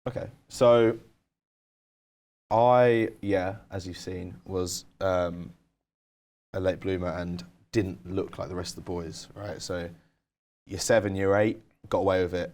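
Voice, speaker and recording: This podcast co-host is a young man with a low, darkish voice who speaks slowly with fairly even intonation. In casual chat he shares candid stories, leaning heavily on the word "like."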